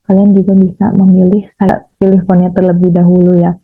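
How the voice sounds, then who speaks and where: Young woman, raspy lo-fi tutorial voice. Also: fairly low pitch, monotone, a little fast, dry recording. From Indonesia. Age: young adult. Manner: explanatory, frequent fillers. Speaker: chemistry education student. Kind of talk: software tutorial screencast. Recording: raspy phone-like lo-fi audio.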